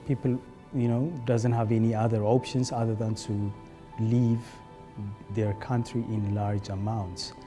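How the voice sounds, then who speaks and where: A young man, telling his story as a resettled refugee in a documentary interview, speaking haltingly with frequent fillers. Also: fairly low pitch, level tone, over music. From Eritrea, born in Ethiopia.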